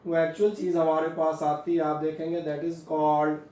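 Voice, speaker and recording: A man's voice: on the high side, little pitch movement, normal speed, warm tone, muffled recording. A man teaching a physics class, explaining step by step and asking and answering his own questions. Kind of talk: classroom lecture, mixing Hindi and English. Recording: echoey room with faint hum.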